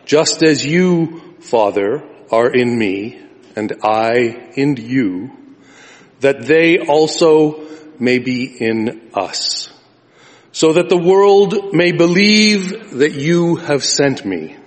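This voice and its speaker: Slow solemn pastor with cathedral echo. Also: male voice, a little high, lively intonation. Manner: slow, solemn, drawn-out reading with lifted phrases. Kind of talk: liturgical gospel reading. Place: large church sanctuary. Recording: long reverb of a large church.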